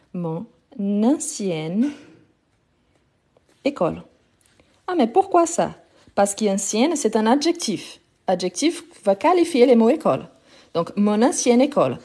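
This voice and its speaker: A woman's voice: on the high side, mellow, husky. A Brazilian-accented woman, a native Portuguese speaker, teaching a live French grammar lesson and patiently repeating each example.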